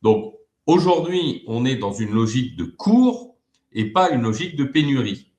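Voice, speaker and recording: A man's voice: medium pitch, big pitch swings, moderate pace, darkish tone, echoey room. A man talking as a guest expert in an interview, hesitant, with many fillers and repeated words. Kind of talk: web TV interview.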